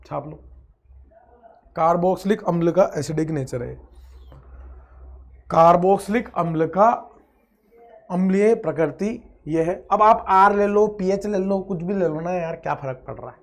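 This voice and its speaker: A man teaching a chemistry lecture with energy and playfulness. He stretches out words, chants repeated phrases, and swings between loud outbursts and quiet asides. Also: high voice, measured pace, long pauses. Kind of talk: online exam-prep lecture.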